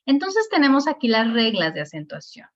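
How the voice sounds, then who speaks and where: A woman's voice: on the high side, very animated, a little fast, a bit bright, faint music behind. Patient woman teacher, dull lo-fi sound. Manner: patient, spells out syllables, checks in with "¿sí?". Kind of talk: online grammar lesson.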